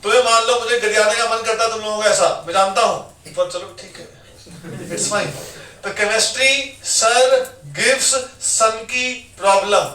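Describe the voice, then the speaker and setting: A man's voice: high-pitched, steady tone, unhurried. A man teaching a classroom, drilling mnemonics in a sing-song call-and-response way. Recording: echoey classroom from far off, loud crowd.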